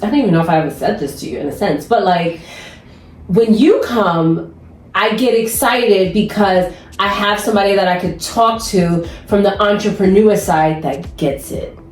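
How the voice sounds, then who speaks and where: An animated woman talks shop as a nail tech, telling stories and laughing at herself. Her voice rings a little in the room, with faint music underneath. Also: medium pitch, normal speed, echoey room. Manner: animated storyteller, laughs often. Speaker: nail tech and podcast host. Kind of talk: casual chat.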